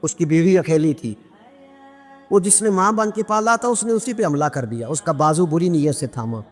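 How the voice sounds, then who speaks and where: A man preaching an impassioned sermon, telling stories with fervent, climbing emotion and quick Arabic recitation. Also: animated. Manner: fervent storytelling, pitch climbing as emotion builds. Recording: long hall reverb with background music.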